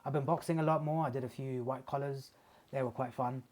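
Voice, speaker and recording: A man's voice: mid-range voice, fairly even intonation, brisk, darkish tone. Man, 30s, podcast guest, jokey, swears casually. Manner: jokey, playful, swears freely. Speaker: guest, martial artist and sports massage therapist. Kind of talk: casual chat.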